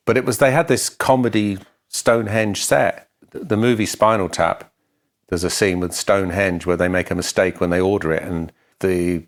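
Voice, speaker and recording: A man co-hosting a podcast, telling band anecdotes in a dry, matter-of-fact way. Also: low voice. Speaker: podcast co-host and musician. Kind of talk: casual storytelling chat.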